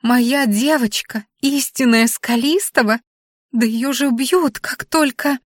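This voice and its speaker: A woman doing a shrill furry little governess creature. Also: slow pace, no room sound, clean studio sound. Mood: alarmed. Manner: squealing, fussy, flustered. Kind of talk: audiobook character voice.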